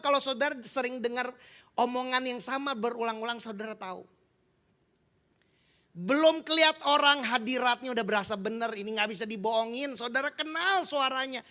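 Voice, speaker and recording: A man's voice: very high-pitched, bright, forceful tone. A man preaching a sermon, telling the story vividly and acting out the dialogue.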